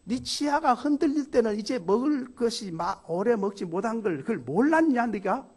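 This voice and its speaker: A man voicing a stern male king who judges the dead, scolding and interrogating in a booming voice. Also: animated, normal speed, darkish tone, husky, heavily acted. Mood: thundering reproach.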